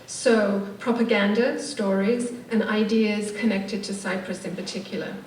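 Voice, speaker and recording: With an English accent and a mid-range, slightly mellow voice, a woman presents on a conference panel at a somewhat slow pace and fairly even intonation. She is a theatre maker of Turkish Cypriot immigrant background, speaking academically and articulately yet with some hesitation. The distant mic picks up room echo and background noise.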